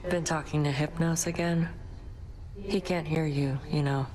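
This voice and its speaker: An actress playing a wry, teasing figure with a dry, sardonic way of talking in a video game. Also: female voice, deep voice, steady tone, measured pace, a crowd in the background, poor audio.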